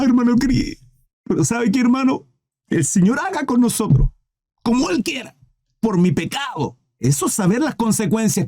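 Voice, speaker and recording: A man's voice: very high voice, dark tone, no echo, clean studio sound. A man preaching a live Bible teaching in a direct, exhorting way.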